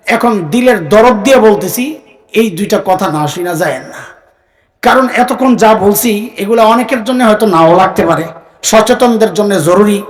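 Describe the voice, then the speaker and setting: High-voiced man preaching, crowd call-and-response. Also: poor audio. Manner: call-and-response, has the crowd repeat phrases; rises to shouting for emphasis. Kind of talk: Islamic sermon to a live audience.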